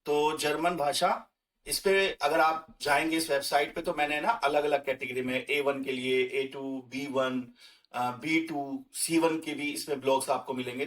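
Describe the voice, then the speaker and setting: A man's voice: fairly high pitch, a bit bright, distant mic. A man teaching German grammar as a screen-recorded lesson, talking conversationally with fillers and restarts. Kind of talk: explaining German grammar in Hindi.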